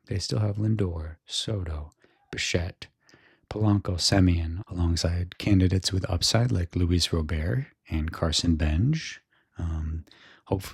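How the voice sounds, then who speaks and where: An American man speaks in a hushed ASMR style, his voice very low and full of vocal fry. He talks through sports commentary casually and musingly, with a soft, husky texture. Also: no echo, studio quality. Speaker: host giving a baseball season preview.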